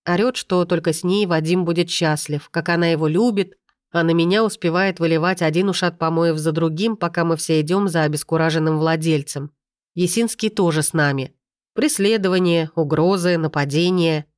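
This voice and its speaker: A woman reading a first-person novel aloud in a steady storytelling manner. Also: low voice, brisk, smooth, no echo, clean studio sound. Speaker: audiobook narrator.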